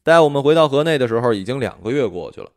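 Expressive male audiobook storyteller. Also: mid-range voice, racing, no echo. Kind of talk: audiobook narration.

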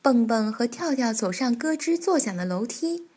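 A woman reading a children's picture book aloud as a storyteller, animated and expressive. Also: a little high, normal speed, breathy edge.

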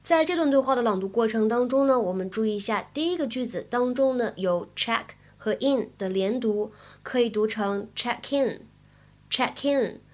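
A woman teaching English in Chinese, explaining phrases with a clear, careful delivery. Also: a little high, normal speed, few pauses, darkish tone. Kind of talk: language lesson.

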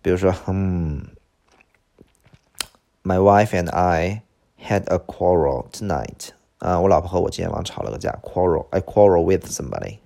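A middle-aged male teacher working through an English vocabulary list with a low, gravelly voice. He stumbles over filler words and drags each new word out slowly, over and over. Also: lively intonation, warm tone. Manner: lots of "这个" filler, drawn-out slow repeats of words. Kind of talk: vocabulary lesson.

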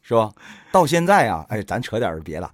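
A man hosting a casual chat, animated and joking, acting out quoted lines. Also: on the low side, a little fast, no echo, studio quality. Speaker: host.

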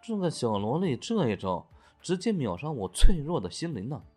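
A man voicing a kind young man who gently looks after a little girl, speaking softly and indulgently, with faint music underneath. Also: on the low side, big pitch swings, measured pace. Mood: exasperated. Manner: soft, coaxing, indulgent.

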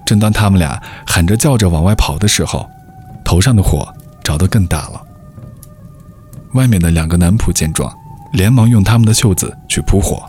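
Deep-voiced man narrating a folk tale. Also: a little mellow. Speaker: storyteller. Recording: faint background music.

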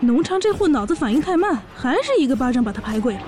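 In a fan audio drama, a woman acts and narrates as a brash, boastful pregnant orc warrior who is also a sassy, bossy older sister. Her high voice is very animated and fast, carrying a nostalgic, boastful mood.

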